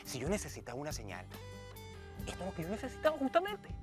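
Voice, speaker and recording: Scheming young womanizer, lively, swinging pitch, music behind. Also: fast. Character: charming, womanizing young suitor. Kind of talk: telenovela acting.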